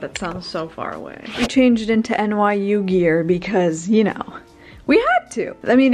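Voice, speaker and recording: A young woman talking casually to her camera at home in a chatty, upbeat vlog, with lots of "like" fillers. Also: on the high side. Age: young adult. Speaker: vlogger.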